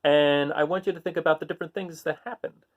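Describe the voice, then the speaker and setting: Fast-talking, with a voice on the high side, this man reads picture books aloud through a muffled recording. His delivery is lively, the sound words are played up, and he chats simply with the young listeners along the way.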